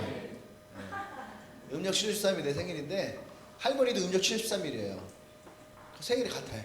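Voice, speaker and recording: A man's voice: high-pitched, fairly bright tone, reverberant. A male pastor giving a humorous storytelling sermon, acting out quoted voices. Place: church sanctuary.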